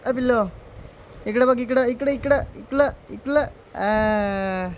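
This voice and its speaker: A man's voice: very high-pitched, slow pace, slight background noise. A man vlogging at home, teasing and cajoling a relative during a family prank. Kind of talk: casual family prank vlog. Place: indoors at home.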